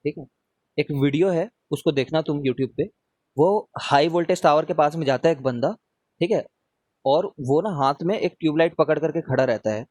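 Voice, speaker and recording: A man's voice: a little high, normal speed, a little mellow, no echo. A man teaching a live online revision class, talking casually and often checking in with his students as he answers their questions.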